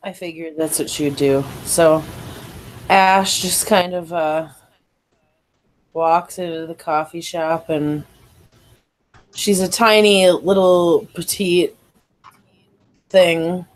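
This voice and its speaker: A woman player describing her character's actions in a tabletop game in an unhurried, thoughtful way. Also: lowish voice, steady tone.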